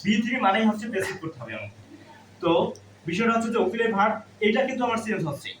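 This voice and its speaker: Very animated and very fast, a man with a high, slightly bright voice teaches a classroom grammar lesson, asking and answering his own questions step by step. A distant mic picks him up in a roomy space with faint background noise.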